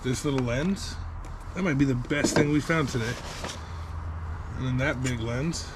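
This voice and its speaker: A man's voice: medium pitch, unhurried. A man in his thirties casually rambling through his finds item by item, recorded on an action camera outdoors beside a vehicle. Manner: upbeat, rambling item-by-item chatter. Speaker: storage unit reseller vlogger. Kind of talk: casual unboxing commentary. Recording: loud background noise.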